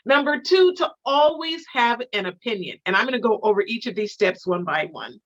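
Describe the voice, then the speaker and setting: A woman giving an instructional lecture as an etiquette teacher, measured and emphatic, repeating her key phrases. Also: fairly high pitch, lively intonation, dull audio.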